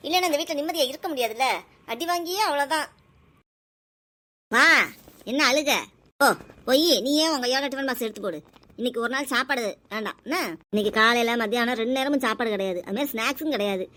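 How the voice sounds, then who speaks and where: A woman, playing a mother in a family skit who nags and scolds her children loudly. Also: sits high. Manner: scolding, nagging, loud and rapid.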